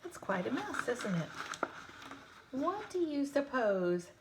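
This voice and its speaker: A woman teacher reading a children's book aloud to her students, pausing to ask them questions and often dropping to a whisper. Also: sits high, big pitch swings, noisy background.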